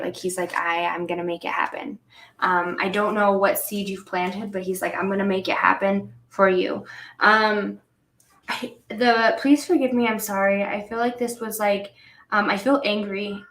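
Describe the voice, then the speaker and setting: A young woman talks through a card reading in a gentle, halting way, full of fillers and restarts. Her voice stays fairly flat and even. The sound carries a roomy echo. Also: mid-range voice, a little hiss or hum. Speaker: psychic medium reading cards. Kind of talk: casual spiritual reading.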